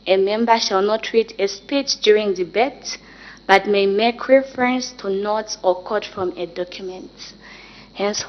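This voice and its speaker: A woman with a Zambian accent presides formally as parliamentary speaker, giving procedural instructions in a measured, authoritative way. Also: mid-range voice. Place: debating chamber. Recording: dull, muffled live-stream sound.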